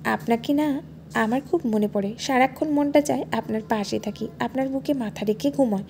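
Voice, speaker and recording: A sweet, naive young wife with a playful, coaxing manner, as a woman narrator puts her on. Her voice sits a little high and sounds innocent. She comes across as a storybook character in a romantic audio story. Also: moderate pace, vocal fry, a little mellow, slight background noise. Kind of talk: storybook dialogue.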